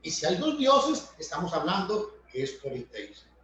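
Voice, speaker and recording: A man's voice: fairly high pitch, wildly swooping pitch, moderate pace, bright, forceful tone. A man preaching a sermon, emphatic, addressing his listeners as brothers and friends. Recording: very echoey room, voice from far off.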